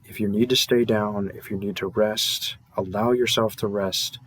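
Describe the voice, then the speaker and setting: Talking off the cuff at a moderate pace, a man who makes audio roleplays offers listeners a casual thank-you in his fairly low, somewhat bright voice. His intonation stays fairly even, he sounds earnest and hesitant with asides that trail off, and there's a little hiss or hum.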